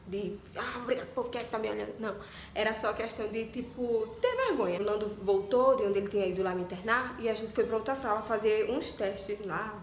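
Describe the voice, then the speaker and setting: A woman's voice: mid-range voice, slight background noise. A young Brazilian woman tells a personal story casually, chatting animatedly and filling her speech with little asides. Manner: chatty and animated, many fillers like "tipo" and "né". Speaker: vlogger. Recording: echoey room with faint ambience.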